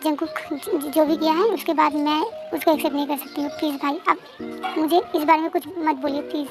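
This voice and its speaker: A woman's voice: sits high, level tone, fairly quick, lightly acted. Fan drama: woman doing a resolute youth refusing, music behind. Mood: stubborn. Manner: firm, curt refusals. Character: stubborn young person refusing to forgive.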